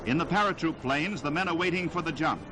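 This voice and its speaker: Old newsreel man, dramatic and high-pitched. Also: fast talker, very noisy. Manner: dramatic, declamatory delivery. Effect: old newsreel soundtrack. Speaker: newsreel narrator. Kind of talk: 1940s wartime newsreel narration. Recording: loud music score underneath.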